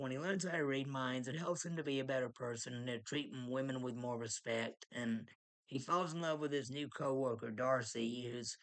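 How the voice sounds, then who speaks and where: A man's voice: medium pitch, fairly bright tone. A man casually reviewing a movie, rambling with frequent restarts and small chuckles.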